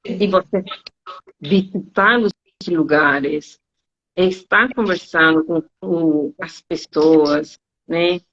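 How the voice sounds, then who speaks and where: Slowly, and over slight background noise, the Spanish teacher and travel agent gives an interview full of lively anecdotes. She performs her students' lines in high-pitched voices, and the audio sounds dull and lo-fi.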